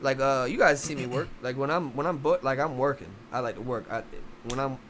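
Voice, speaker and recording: Fast-talking young man, rambling. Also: mid-range voice, a bit bright, a little hiss or hum. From Philadelphia. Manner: fast, rambling, many restarts. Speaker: boxing coach, podcast guest. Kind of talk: casual interview chat.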